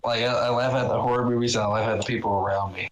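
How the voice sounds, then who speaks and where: A man chatting on a gaming podcast, calm and chuckling. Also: mid-range voice, rapid-fire. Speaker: podcast guest. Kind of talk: casual gaming podcast chat.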